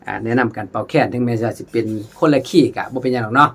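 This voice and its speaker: A khaen teacher with an Isan accent gives a casual lesson, chatting warmly to viewers as brothers and sisters and sometimes singing melodies in syllables. His voice is mid-range and steady in tone, and he talks at a racing pace.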